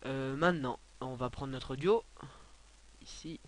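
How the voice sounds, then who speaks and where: A young man giving a casual, rambling software tutorial, filling his talk with hesitations and offhand asides. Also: mid-range voice, measured pace. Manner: rambling, many filler sounds, offhand asides. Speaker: tutorial maker.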